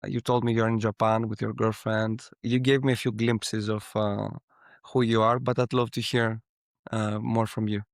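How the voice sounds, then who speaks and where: A man's voice: lowish voice, level tone, moderate pace, vocal fry, dry recording, clean studio sound. Curious male podcast host from the Mediterranean. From Mediterranean region. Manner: curious, friendly questioning with fillers. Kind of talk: casual interview questions.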